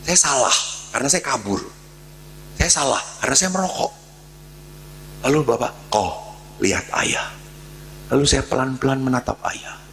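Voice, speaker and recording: Gravelly priest telling a story. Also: male voice, mid-range voice, expressive, fairly quick, pauses often, a bit bright, slight background noise, rough recording. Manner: storytelling with humor, chuckling often. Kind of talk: sermon.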